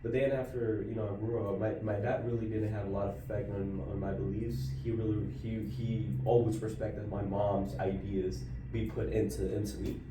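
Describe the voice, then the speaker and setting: Low-voiced man from Colombia, roomy sound. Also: little pitch movement, moderate pace, few pauses, distant mic, noisy background. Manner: earnest, frequent restarts and repeated words. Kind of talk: casual discussion. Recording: roomy audio from off-mic.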